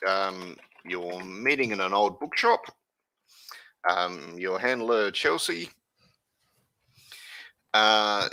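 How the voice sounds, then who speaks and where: A man with a low, bright voice runs a tabletop game and narrates scenes. He talks in a loose, rambling way. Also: poor audio. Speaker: game master.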